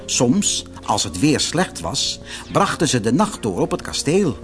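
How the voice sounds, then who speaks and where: Male audiobook narrator, fairy tale, very lively pitch, faint music behind. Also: measured pace. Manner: expressive, theatrical storytelling.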